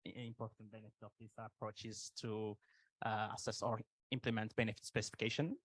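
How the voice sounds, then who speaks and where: A man's voice: fairly low pitch, fairly bright tone, dry recording, rough recording. A man with an Ethiopian accent giving a spontaneous answer as a training participant.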